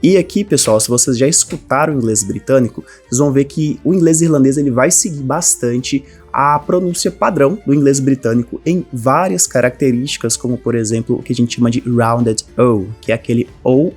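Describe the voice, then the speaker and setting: Husky Brazilian man teaching a lesson. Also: medium pitch, brisk, few pauses, faint music behind. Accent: Brazilian Portuguese. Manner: lively, addresses viewers directly as a group. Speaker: English teacher. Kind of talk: online language lesson.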